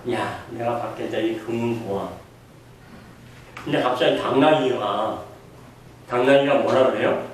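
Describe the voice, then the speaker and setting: Preacher in an echoey hall. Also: male voice, mid-range voice, a little hiss or hum. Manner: asks the congregation questions and acts out quoted voices. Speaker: pastor. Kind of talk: sermon. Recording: echoey room heard from a distance.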